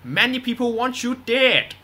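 A performer voices an unrepentant, fugitive drug boss for a scripted radio drama interview, sounding boastful and dismissive. The pitch is medium and the delivery expressive and unhurried, pushed and bright.

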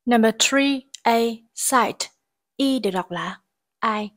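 A woman explains each exam answer in an English grammar and pronunciation class, reading sentences slowly and then translating them. Her voice is a little high.

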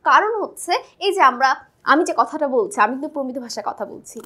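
A woman's voice: high-pitched, animated, fast talker, pushed and bright. A woman from Bangladesh teaching a school textbook chapter in a chatty way, often checking with "right?".

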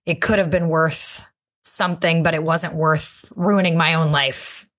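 A woman's voice: sits low, steady tone, unhurried, fairly bright tone. A woman co-hosting a podcast, talking in a thoughtful, conversational way with fillers and restarts. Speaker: podcast co-host. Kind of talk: casual discussion.

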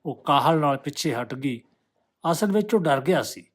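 A male storyteller reads a literary short story in a steady, measured way. His voice sits a little high for a man and carries the scenes at an even pace.

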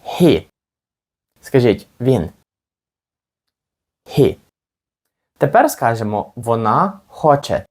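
Male teacher, Ukrainian accent, patient explaining, animated pitch, slow repeated phrases. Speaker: English teacher. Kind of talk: language lesson with slow repetitions.

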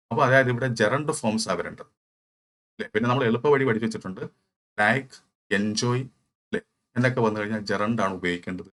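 Malayali guy teaching english grammar, lowish voice, asks stuff then answers it himself. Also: fairly bright tone. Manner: explains step by step, asks and answers his own questions. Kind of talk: exam-prep lecture.

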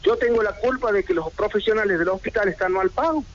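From a red armchair indoors, a middle-aged merchant speaks to local radio with an Argentine Spanish accent, indignantly protesting through a string of rhetorical questions. He talks fast in a high-sitting voice, with slight background noise on the lo-fi broadcast audio.

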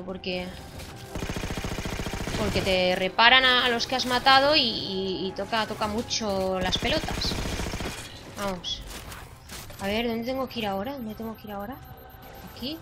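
A young woman from Spain with a Spanish accent, giving excitable, swearing commentary while playing a shooter at home. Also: fairly high pitch. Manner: excitable, swearing, shouting at enemies. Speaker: gaming vlogger. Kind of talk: live gameplay commentary. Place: home room. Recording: game music under voice.

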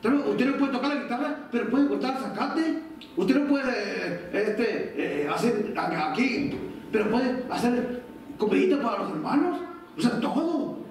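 A man's voice: extremely high pitch, very animated, a little slow, a little hiss or hum. A man preaching a sermon as pastor, speaking conversationally and acting out short quoted family exchanges. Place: church sanctuary. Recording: distant mic in echoey church hall.

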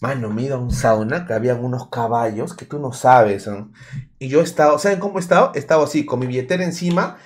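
A man's voice: mid-range voice, fast. A man with a Peruvian accent, tipsy and rambling in crude, joking casual chat as a livestreamer. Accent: Peruvian Spanish. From Peru. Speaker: streamer.

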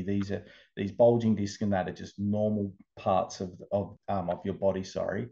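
A man, an interview guest, telling his recovery story in casual, animated talk, over a video call. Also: lowish voice, dull audio. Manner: animated storyteller, acts out quoted voices.

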